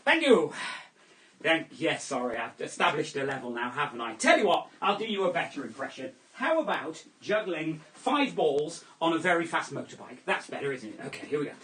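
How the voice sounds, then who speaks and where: Man, high animated voice, children's entertainer patter, echoey room, heard from a distance. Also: brisk, slight background noise. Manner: playful, jokey, theatrical announcing. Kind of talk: juggling show patter. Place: home room during lockdown. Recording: echoey room, voice a little off-mic.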